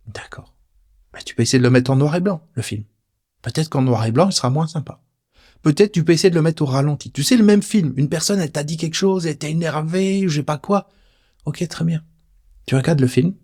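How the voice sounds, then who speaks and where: A man teaches in a relaxed, conversational way, addressing the listener directly. His delivery is informal and playful, with a voice that sits somewhat high for a man. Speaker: personal development teacher. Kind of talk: casual spoken teaching video.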